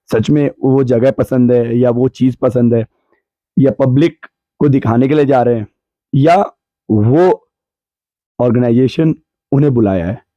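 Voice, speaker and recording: A man with a sore, hoarse throat, explaining his views on a podcast in a measured way that weighs both sides. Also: mid-range voice, mellow, no echo, highs cut off. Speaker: podcast guest answering questions. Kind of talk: reflective podcast discussion. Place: cold hill town, bundled up.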